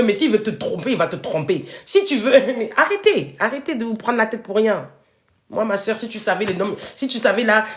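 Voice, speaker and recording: A woman life coach with a big, commanding voice, talking live to her followers and urging them on loudly and emphatically. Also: mid-range voice, slight background noise. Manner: loud, emphatic, scolding and exhorting viewers. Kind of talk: live stream talk to followers.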